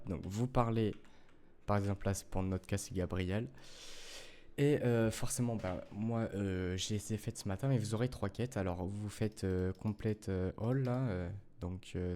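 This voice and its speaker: In casual French, a gaming YouTuber with a fairly low, dark voice rambles through a gameplay tutorial for his viewers, peppering it with fillers and self-corrections.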